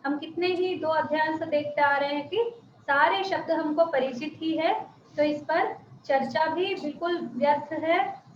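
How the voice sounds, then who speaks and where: A woman's voice: sits high, roomy sound, highs cut off, slight background noise. A woman teaching a Sanskrit class online, explaining patiently and often checking that students follow. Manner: patient, explains slowly, often asks "ठीक है?".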